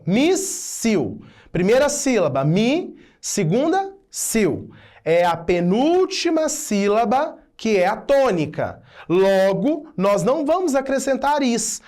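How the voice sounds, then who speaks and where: Man teaching an online grammar lesson, unhurried and very animated in pitch, spells out letters, keeps checking in with his class.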